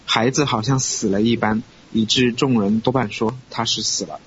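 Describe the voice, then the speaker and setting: A man reading scripture aloud at a steady, measured pace in a Bible study program. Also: medium pitch. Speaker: scripture reader. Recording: dull lo-fi recording with faint hiss.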